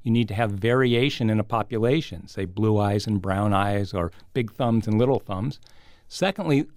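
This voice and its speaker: A man giving measured, articulate explanations as a scientist guest in an interview. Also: mid-range voice, a little mellow, dry recording, studio quality.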